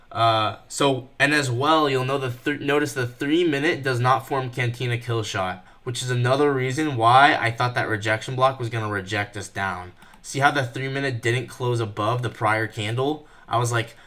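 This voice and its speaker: A nervous young man giving fast live commentary while trading, thinking out loud and rushing his words. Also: mid-range voice. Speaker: day trader streaming live.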